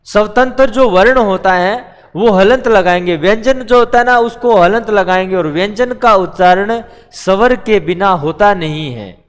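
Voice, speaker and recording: High-voiced man teaching grammar live. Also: measured pace. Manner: patient, explains step by step, calls students beta; repeats questions and answers them himself. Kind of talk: live online class. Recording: long echo of a reverberant room.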